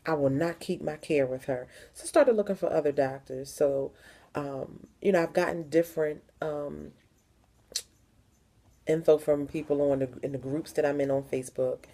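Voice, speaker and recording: A young woman from the Philadelphia area speaks straight to the camera in a personal vlog. Her voice sits low and sounds warm and mellow. She talks frankly and leans on repeated words for emphasis. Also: moderate pace. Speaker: vlogger.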